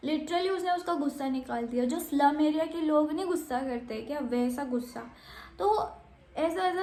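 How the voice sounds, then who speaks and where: A woman's voice: high voice, echoey room. A young woman vlogger telling a personal story in casual chat, mixing English words into her speech and acting out quoted lines in changed voices.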